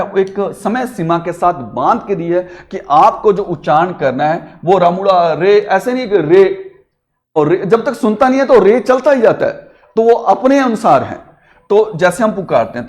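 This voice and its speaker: A man teaching a grammar lesson to students, stretching out syllables and calling out words to demonstrate pronunciation and asking the class questions as he goes. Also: sits high.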